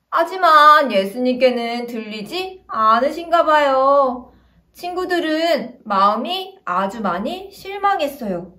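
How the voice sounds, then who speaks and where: A woman evangelist telling a Bible story to small children in an animated, sing-song storytelling manner. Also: high-pitched.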